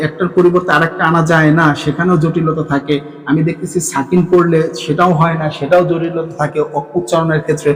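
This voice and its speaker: A man's voice: fairly high pitch, long reverb tail, low-quality recording. A Bengali-speaking man teaching an Arabic grammar class. He asks questions and then answers them himself.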